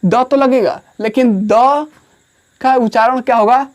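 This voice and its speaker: A man from India with an Indian accent, teaching an English grammar lesson in Hindi. He explains slowly, repeats phrases and dictates words one at a time. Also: extremely high pitch, steady tone, a little mellow.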